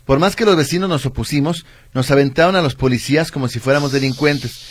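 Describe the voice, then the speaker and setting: A man co-hosting a radio show, reading listener messages and chatting quickly with his partner. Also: mid-range voice, slightly rough. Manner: quick, conversational, calls partner "tocayo". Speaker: radio co-host.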